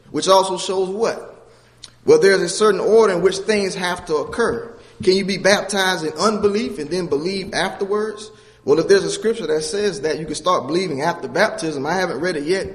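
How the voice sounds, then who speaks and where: A man preaching a sermon in a church, earnestly teaching scripture and asking the congregation questions. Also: a little high. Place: church with a baptistry. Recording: long hall reverb.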